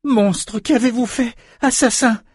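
A man's voice: very high-pitched, takes it slowly, breathy edge, no echo, studio quality, pitched above the performer's own voice, full character voice. A man voicing a furious, grief-stricken young female magician in an audiobook, screaming accusations. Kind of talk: audiobook character voice.

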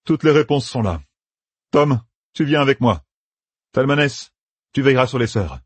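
A man's voice: mid-range voice, expressive, husky, dry recording, pitched above the performer's own voice. A man voicing a hotheaded young soldier-gambler who blusters and curses in an audiobook. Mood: commanding. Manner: loud, blustering, quick to curse.

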